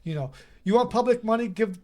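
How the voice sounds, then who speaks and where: Podcast dude going off, pretty high voice, cusses a lot. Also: male voice, expressive, a little fast, a little mellow. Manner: heated, swears often. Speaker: podcast co-host. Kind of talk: casual profane rant.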